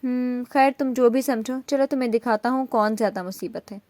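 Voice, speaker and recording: A woman's voice: a little high, dry recording, natural voice. A woman voicing a young man who teases and reassures a frightened girl, in a storybook reading. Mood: teasing protective. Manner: mocking, soft-spoken. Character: teasing protective young man, mocking then tender.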